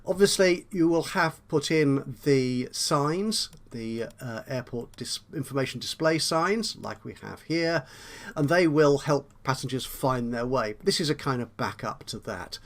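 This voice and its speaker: A male tutorial host with a mid-range voice gives unhurried, unscripted commentary on a video game, walking through it step by step with hesitant asides and self-corrections.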